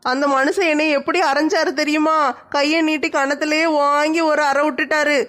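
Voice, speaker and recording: A woman's voice: high voice, level tone, normal speed, fairly bright tone. A woman playing a spoilt, whiny young married daughter in a comic skit, complaining to her father in a Tirunelveli Tamil accent. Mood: whining.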